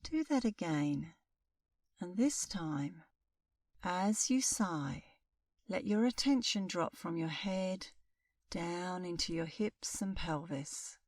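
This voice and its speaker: Speaking very slowly with long pauses, a middle-aged woman guides a meditation, her slightly low voice calm and soothing. The instructor is recorded from a distant mic, yet the sound is very dry with no room echo.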